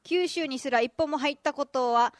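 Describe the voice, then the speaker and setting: A woman's voice: high voice, moderate pace, a little hiss or hum. A woman hosting a radio show, chatting casually and laughing often as she reads listener mail. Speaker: radio host. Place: radio studio.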